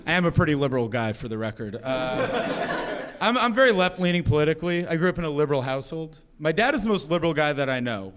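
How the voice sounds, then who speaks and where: A man's voice: a little high, a bit bright. A young man performing a stand-up comedy set on stage, wry and self-mocking, often slipping into quoted voices. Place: comedy stage with a live audience laughing.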